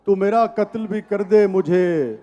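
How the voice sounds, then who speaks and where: A man reciting tender romantic ghazals at a live poetry gathering, declaiming each line slowly and repeating it. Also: high voice, lo-fi sound. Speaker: poet reciting at a mushaira.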